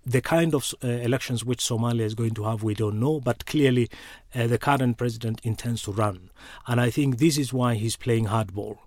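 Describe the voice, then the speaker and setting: Man, East African accent, expert interviewee, measured analytical delivery, mid-range voice, thoughtful word repetitions, dry quiet room. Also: medium pitch, dry recording. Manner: measured, deliberate, often repeating words as he thinks. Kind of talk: spoken political analysis.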